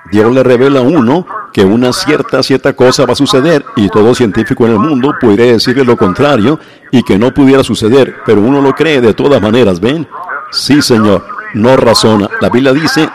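A man preaching a sermon to a congregation, often asking "¿ven?" and slowing down to stress his points. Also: medium pitch. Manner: keeps asking the audience "¿ven?"; slows down for emphasis.

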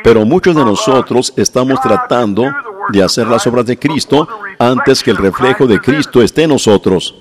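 A man's voice: medium pitch, animated, normal speed, crowd noise. Man preaching an old radio sermon. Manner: addresses the congregation directly with repeated questions.

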